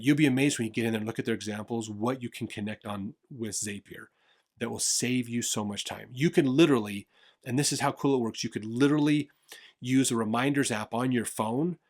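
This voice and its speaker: Male host, mid-pitch, easygoing explainer with "uh"s and restarts. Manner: conversational, with fillers and repeated "literally". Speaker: host recommending business tools. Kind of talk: casual explanatory talk.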